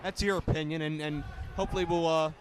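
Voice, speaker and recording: A man's voice: fairly high pitch, steady tone, fast. A man working as a wrestling play-by-play commentator, calling the match live in emphatic, clipped phrases. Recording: noisy arena recording.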